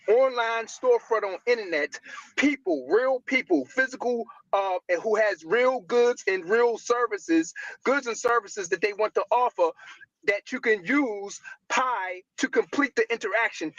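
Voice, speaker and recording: Man, high-pitched, rambling, stumbling, lo-fi call audio. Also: a bit bright, dry recording. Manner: rambling, stumbles over words, fills with "right?". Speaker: guest speaker. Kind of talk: casual live-stream talk. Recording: dull lo-fi audio.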